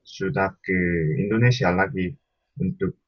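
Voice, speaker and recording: Man, Korean accent, native Korean speaker, deep voice, halting casual answers, muffled recording. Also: steady tone, slightly rough, no echo. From South Korea. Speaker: guest. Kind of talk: casual discussion.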